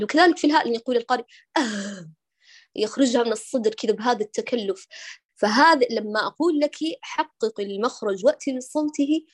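A woman teaching Quran recitation, patiently correcting a student and slowly demonstrating throat letters. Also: high-pitched. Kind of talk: online recitation correction lesson.

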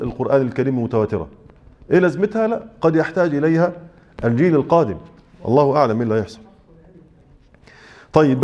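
A man with an Egyptian accent teaching Quran recitation rules. He asks rhetorical questions and sounds out letters slowly and repeatedly. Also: a little high, a little mellow, lo-fi sound. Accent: Egyptian Arabic. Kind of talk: explaining tajweed rules in class.

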